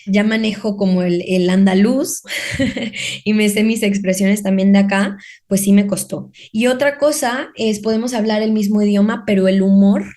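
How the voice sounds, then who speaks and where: A woman's voice: mid-range voice, moderate pace, dark tone. A woman with a Mexican accent, a guest on a podcast, chatting casually about her life and acting out her own past remarks in quoted asides. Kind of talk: casual conversational storytelling.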